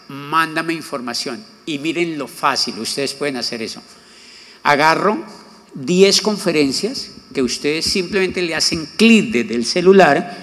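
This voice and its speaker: A man giving a motivational conference talk, telling an anecdote and acting out the other people's voices. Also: on the high side. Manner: animated, acts out quoted voices. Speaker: motivational speaker. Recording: long hall reverb.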